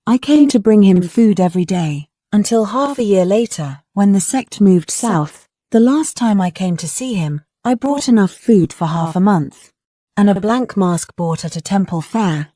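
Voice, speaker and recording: Mellow-voiced woman narrating a story. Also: mid-range voice, expressive, moderate pace, no echo. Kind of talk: first-person story narration.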